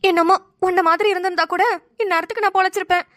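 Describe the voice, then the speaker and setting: A dramatic village grandmother in a cartoon scolds and moans in a high, piercing voice, as a woman acts her out. She talks quickly and never stops complaining. Every line carries loud, theatrical feeling. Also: steady tone. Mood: lamenting. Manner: loud, scolding, full of wails and curses.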